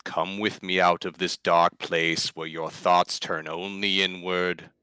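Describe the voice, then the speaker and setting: A man playing a compassionate adventurer who speaks softly, slowly and earnestly. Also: deep voice, no room sound, exaggerated voice. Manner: soft, slow and earnest.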